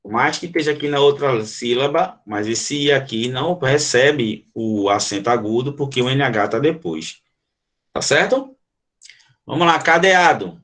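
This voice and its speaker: A man's voice: mid-range voice, animated, normal speed, fairly bright tone. A Brazilian man teaching an online grammar lesson, explaining step by step and asking the class questions. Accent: Brazilian Portuguese.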